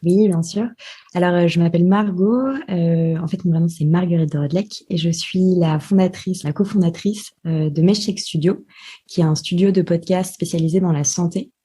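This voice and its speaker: Husky, mellow-voiced woman guest. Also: fairly low pitch, fairly even intonation, normal speed. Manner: hesitant, many filler sounds, methodical explaining. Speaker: podcast guest, marketing specialist. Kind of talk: podcast interview.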